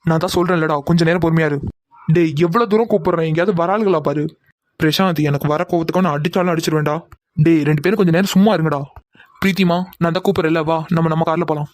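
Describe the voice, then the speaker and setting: A man voices a crowd of young cartoon men, a man doing quick and heated talkers. His voice sits a little high and races along. The recording is close and dry. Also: steady tone, no echo. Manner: quick, heated, bickering delivery. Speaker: voice actor for several male cartoon characters. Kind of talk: Tamil cartoon drama voicing.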